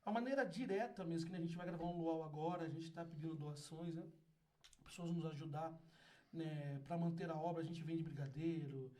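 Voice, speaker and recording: Exuberant high-voiced Brazilian man. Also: steady tone, fairly quick. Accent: Brazilian Portuguese. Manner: exuberant, laughing, acts out voices loudly. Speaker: guest, community founder. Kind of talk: animated storytelling.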